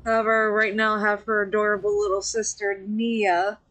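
Speaking at normal speed, this woman has a fairly bright, medium-pitched voice with little pitch movement. She's a VTuber giving casual commentary on a game she's streaming, talking with friends, laughing frequently and letting sentences trail off into fillers.

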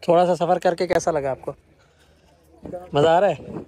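A man with a Pakistani Urdu accent talks to his phone camera on a railway platform, with a voice that sits a little high for a man. He is chatty and teasing and narrates as he goes. Faint traffic and station sounds hum in the background. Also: fairly even intonation, moderate pace, warm tone, rough recording. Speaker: vlogger. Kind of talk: casual travel vlog.

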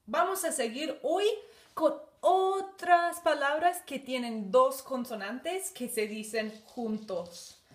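Woman teacher, very slow, deliberate phonics delivery, a bit high. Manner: slow, deliberate, sounding out syllables.

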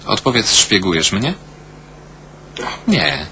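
A very low-pitched man reads a voice-over for a television drama. He speaks every character's lines in the same steady voice, without acting them. His intonation still moves up and down freely. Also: takes it slowly, noisy background. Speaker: voice-over reader. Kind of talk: Polish-style single-voice TV voice-over reading.

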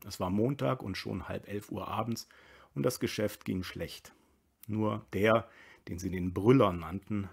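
Gravelly, husky male audiobook reader. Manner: quiet, low-key narration. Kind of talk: audiobook reading of a novel.

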